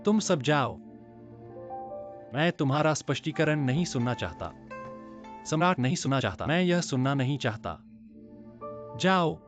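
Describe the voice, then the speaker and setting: A man's voice: on the high side, lively intonation, measured pace, long pauses. A man voicing a haughty emperor hiding among commoners in a dubbed TV drama, imperious and mocking. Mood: commanding. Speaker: dub actor. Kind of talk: Hindi dub of a Chinese TV drama. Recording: dull dub track with music.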